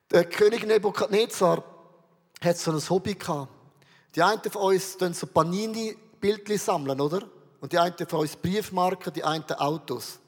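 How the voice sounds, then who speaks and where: A man's voice: high-pitched, breathy edge, in a large hall. A man preaching a sermon in a Swiss German accent, earnestly putting questions straight to his listeners. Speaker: pastor.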